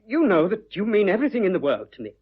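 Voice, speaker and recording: A man voicing an earnest young businessman, all bluster and awkward tenderness, his pitch leaping up and down as he talks. The voice is a little husky, and the radio play recording is dull and lo-fi. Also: huge pitch swings, fast, heavily acted.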